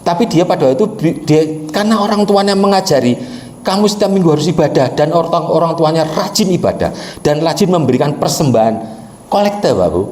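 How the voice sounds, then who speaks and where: A man's voice: on the high side, big pitch swings, fairly quick, darkish tone, echoey room, a little hiss or hum. A male pastor telling a story in a sermon and often turning to address the congregation directly.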